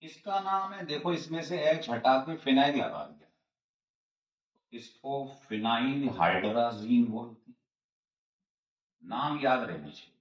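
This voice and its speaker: In a roomy, distant, dull-sounding recording, a chemistry teacher lectures his class in a medium-pitched, expressive voice. He's unhurried, with long pauses, explaining each step again and again and answering the questions he himself raises.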